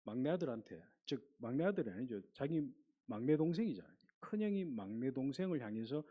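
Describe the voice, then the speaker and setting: A male pastor preaches animatedly, reading scripture aloud and posing questions to the congregation. His mid-range voice is fairly quick, and the audio is narrow and tinny.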